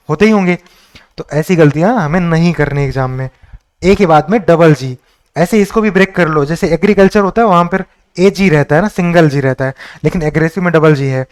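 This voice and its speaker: A man from India teaches spelling for competitive exams in a patient, explaining manner. His voice sits high for a man and sounds smooth and clear. He mixes English terms into his talk and spells words out letter by letter. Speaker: English teacher for exam prep. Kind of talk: online exam-prep lesson.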